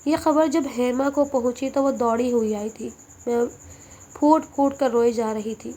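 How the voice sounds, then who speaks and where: A woman narrating a scripted emotional story in steady, dramatic first person. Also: on the high side.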